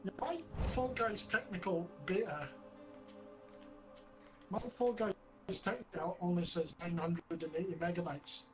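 A man with a high voice talks casually on a live gaming stream, reacting quickly, laughing and swearing. Clear game music plays behind him. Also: steady tone, fairly bright tone, low-quality recording. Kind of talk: casual chat while gaming.

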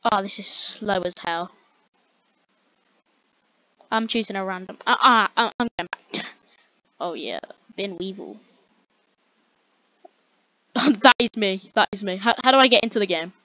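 A young woman giving rambling, exasperated commentary on a slow-loading online game while chatting with a friend. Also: medium pitch, expressive, pushed and bright. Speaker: gamer. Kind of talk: casual gameplay commentary. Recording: dull lo-fi dry recording.

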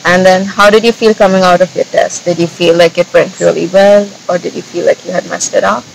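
A woman's voice: on the low side, steady tone, fairly quick, creaky, rough recording. Young woman hosting an outdoor interview. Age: young adult. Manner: friendly, asks questions with frequent "like". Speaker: channel host, engineering student. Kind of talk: casual interview. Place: outdoors in a grassy field. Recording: outdoor noise in the background.

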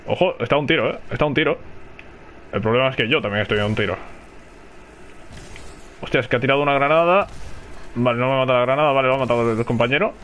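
A man's voice: medium pitch, fast talker, long pauses, a bit bright, a little hiss or hum. A man with a Spanish accent from Spain, commenting live on his own gameplay, chatting and calling out to teammates. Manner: chatty, reacts aloud and calls to teammates. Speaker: gaming streamer.

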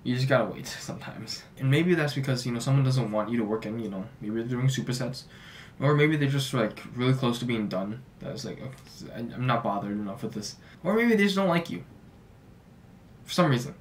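Young male fitness vlogger, relaxed filler-heavy delivery, mic a bit distant, faint hum. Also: medium pitch, fairly quick. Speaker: fitness YouTuber. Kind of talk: casual talking-head advice. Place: small home office, indoors.

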